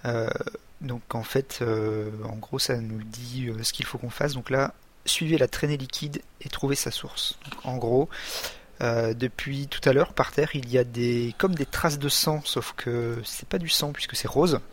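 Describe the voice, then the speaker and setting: A man's voice: medium pitch, fairly even intonation, a little hiss or hum. Hesitant French man narrating a game. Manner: hesitant, halting, many fillers and restarts. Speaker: gamer. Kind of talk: let's play commentary.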